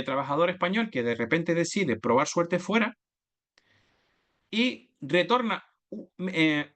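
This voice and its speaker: A man's voice: a little high, fairly bright tone. A man giving an explanatory slide presentation, methodically listing points and correcting himself mid-word. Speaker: oil and gas business development manager giving a talk.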